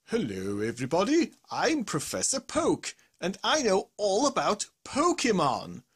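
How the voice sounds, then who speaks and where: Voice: mid-range voice, wildly swooping pitch, measured pace, husky, exaggerated voice. The host voicing a stiff, self-assured professor character. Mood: proud. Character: prim, know-it-all toy professor.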